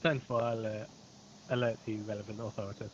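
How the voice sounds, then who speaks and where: A man working as police dispatcher over police radio, rattling off brisk call codes. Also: on the low side, level tone, highs cut off, a little hiss or hum. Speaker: police dispatcher in a roleplay game.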